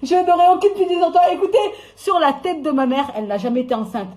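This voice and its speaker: A young woman on a phone live stream, angrily swearing and ranting, swinging between shouts and low mutters. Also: expressive, fast talker. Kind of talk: heated live-stream rant. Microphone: phone during a live stream.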